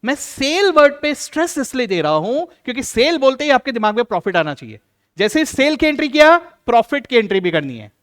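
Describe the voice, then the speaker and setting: A man teaching an accounts lesson, acting out teacher and student and slowing down to stress key rules. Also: extremely high pitch. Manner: lively, plays both teacher and student in little dialogues. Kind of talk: classroom lecture.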